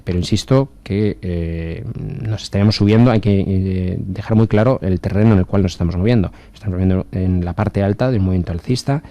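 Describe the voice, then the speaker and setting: On a muffled recording, a man with a low, dark voice works as a market analyst on a radio call-in program. He walks through stock charts at length in a measured, technical manner, with frequent hesitations and many fillers.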